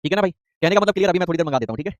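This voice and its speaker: A man teaching a chemistry class online, talking fast and repeating key words while constantly quizzing his students. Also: sits high, lively intonation, no echo, clean studio sound. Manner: rapid, repetitive, quizzing students with call-and-response questions. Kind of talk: live online class lecture.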